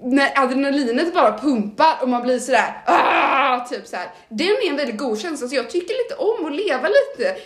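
A woman's voice: high voice, very animated, few pauses, echoey room. A young woman co-hosting a podcast, chatting casually in an upbeat, teasing way. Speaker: podcast co-host. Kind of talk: casual chat.

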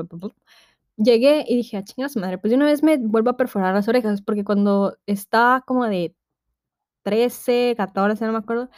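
A woman's voice: on the high side, darkish tone, dry recording, studio quality. A nineteen-year-old woman with a Mexican accent hosting a casual podcast, telling stories in a chatty, slangy way and acting out what people said. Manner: slangy, chatty, acts out quoted voices. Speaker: podcast host. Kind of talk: casual storytelling monologue.

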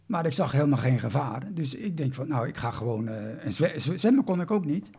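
A man's voice: a little high, sing-song, fairly quick, mellow, husky. A man, recounting a personal story in an interview, hesitant with many restarts.

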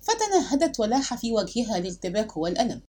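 A woman narrating a literary audiobook with expressive, dramatic storytelling. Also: fairly high pitch, fast talker.

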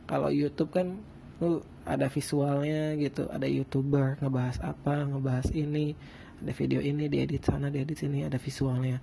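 A man's voice: medium pitch, level tone, moderate pace, creaky, mellow, a little hiss or hum, low-quality recording. A man from Indonesia with casual speech and a speech impediment on his r, chatting in a rambling, self-deprecating, slangy way as a solo podcast host. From Bandung, Indonesia. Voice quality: lisped, non-rolled r.

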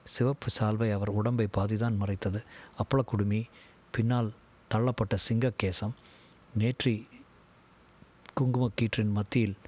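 Husky-voiced man reading a story. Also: lowish voice, flat delivery, measured pace, pauses often, darkish tone. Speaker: audiobook reader. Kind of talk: scripted story narration.

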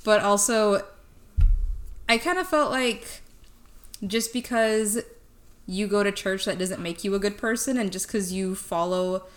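A woman's voice: medium pitch, measured pace, pauses often, a bit bright. A young woman from the Chicago area co-hosting a podcast in casual chat, talking loosely with lots of "like" and casual swearing. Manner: chatty, swears freely, many "like" fillers. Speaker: podcast co-host.

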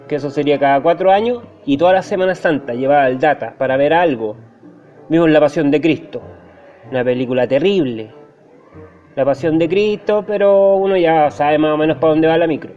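A young Chilean man with a Chilean Spanish accent, delivering a deadpan, exaggerating comic monologue. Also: fairly high pitch, highs cut off. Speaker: stand-up comedian.

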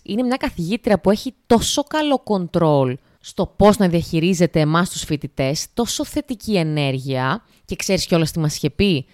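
A young woman hosts a casual solo podcast in a fairly low voice, chatting directly to listeners and using lots of filler phrases. The recording is dry and studio quality.

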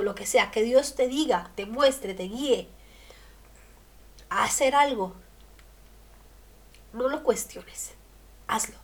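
A woman preaching a radio sermon, emphatic, asking rhetorical questions and swinging between loud and soft. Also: fairly high pitch.

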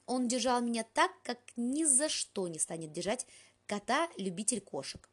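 A woman's voice: on the high side, very animated, moderate pace, husky. A woman reading an audiobook aloud, telling the story in a dry, ironic first-person way. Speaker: audiobook reader. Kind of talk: audiobook narration.

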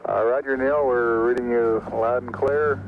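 A man as a mission control radio operator, heard over an archival radio transmission that fades in through static, giving brisk clipped replies. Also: medium pitch, steady tone. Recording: tinny radio line under music.

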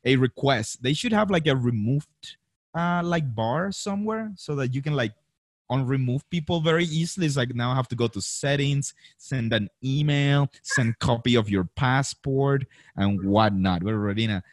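A man's voice: medium pitch, normal speed, no room sound, studio quality. A man in his thirties hosting a live interview over a video call, chatty and full of fillers and restarts. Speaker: host.

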